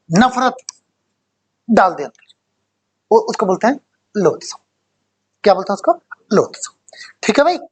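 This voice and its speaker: Man, young, vocabulary teacher, coaxing, quizzing. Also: extremely high pitch. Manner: coaxing, repeats "theek hai bhai" and quizzes students. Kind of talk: spoken vocabulary lesson.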